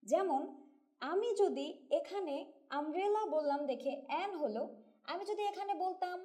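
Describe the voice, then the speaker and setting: A woman with a Bangladeshi Bengali accent teaches an English grammar lesson. Her voice sits high yet sounds soft and mellow, and she works through each rule patiently, putting questions to her students as she goes. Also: animated, normal speed. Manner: patient, explains step by step and asks students questions. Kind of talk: classroom-style grammar lesson.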